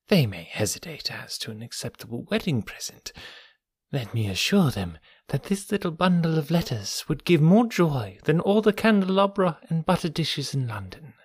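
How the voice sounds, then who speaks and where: A man voicing a smug, oily gentleman blackmailer in a soft, breathy, half-whispered purr, silky and mocking. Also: mid-range voice, dry recording, clean studio sound, pitched above the performer's own voice. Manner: silky and mocking, lingering on words. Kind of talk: audiobook character reading.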